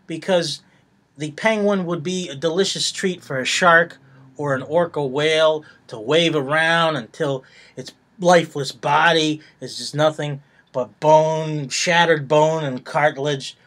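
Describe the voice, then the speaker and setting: A man's voice: on the high side, fairly even intonation, a little slow, a bit bright. A man co-hosting a comedy podcast who rambles goofily through gory jokes and laughs easily. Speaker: podcast co-host. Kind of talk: casual comedy podcast banter.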